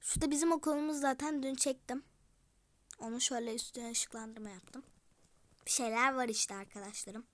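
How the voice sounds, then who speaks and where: A woman's voice: high-pitched, fairly even intonation, normal speed. A female YouTuber giving chatty game commentary, talking straight to her viewers and slipping into whispered asides. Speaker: gaming YouTuber.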